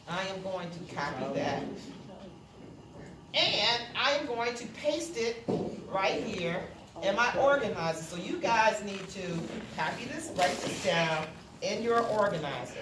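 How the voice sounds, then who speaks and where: Her delivery is sing-song and a little slow as this medium-pitched woman teaches a class, breaking the material into steps, repeating herself, and confirming understanding. The recording comes from a distant mic in a noisy, reverberant indoor classroom.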